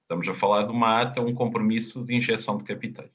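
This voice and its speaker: Man, deep low voice, European Portuguese accent, consultant, halting explanations, dull video-call audio. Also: fairly even intonation. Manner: halting, repeats words, explanatory. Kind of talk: webinar answers.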